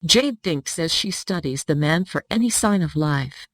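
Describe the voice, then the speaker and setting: A synthetic text-to-speech voice narrates a story in an even, steady reading style. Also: mid-range voice, a little slow, dry recording, low-quality recording.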